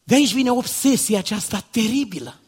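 A man preaching a sermon, asking rhetorical questions and swinging from quiet, low asides to loud, shouted exhortation. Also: breathy edge. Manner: rhetorical questions and repeated paired phrases.

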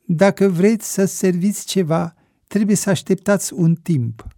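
A man's voice: high-pitched, fairly even intonation, dark tone, no echo, studio quality, pitched above the performer's own voice. A man voicing a short, sly male waiter with a Slavic accent, confiding and scheming.

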